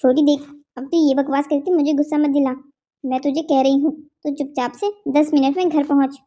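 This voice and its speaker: An exasperated elder sister in a cartoon, strict and scolding toward her sibling, voiced by a woman. Her voice is high with a dark, mellow tone. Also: steady tone, a little fast, close to an everyday voice. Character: young elder sister-in-law, responsible and strict.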